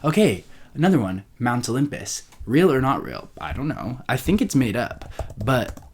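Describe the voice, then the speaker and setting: A man's voice: medium pitch, big pitch swings, moderate pace, background noise. A young man hosting a solo podcast, rambling casually and interrupting himself as he chats. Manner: rambling, self-interrupting, chatty. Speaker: podcast host.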